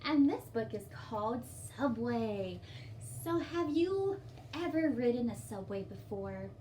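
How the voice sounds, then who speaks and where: A woman reads a picture book aloud at story time for young children, offering simple, encouraging explanations and questions. Her slightly high, mellow voice has lively intonation and a measured pace. A distant mic picks her up along with faint background noise.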